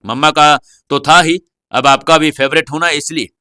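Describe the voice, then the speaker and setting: A man voicing a proud little boy in an audio story, boastful and quick to whine. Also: on the high side, steady tone, pushed and bright, no echo, clean studio sound. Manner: boastful, whiny pleading. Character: small boy, proud and easily hurt.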